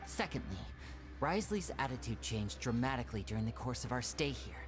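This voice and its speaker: Speaking fairly quickly with a medium pitch and lots of animation, an actor lightly plays an anime game's composed, clever young stage magician. This protective brother comes across as thoughtful, articulate and analytical, with game music in the background.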